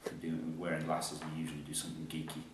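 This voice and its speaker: A low-voiced Irish man tells his story in a relaxed, joking way. He is recorded from some distance in a very reverberant room. A faint noise runs underneath. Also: rapid-fire. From Ireland. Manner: joking, chatty, self-deprecating. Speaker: interview guest, basketball coach. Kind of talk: casual chat. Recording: echoey room, mic far off, faint noise.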